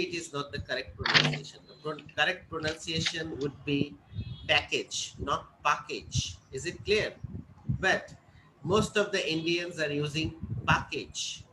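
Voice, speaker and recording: A man teaching an English class, explaining step by step and often checking whether students follow. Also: on the high side. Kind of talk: classroom lecture. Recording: noisy classroom recording.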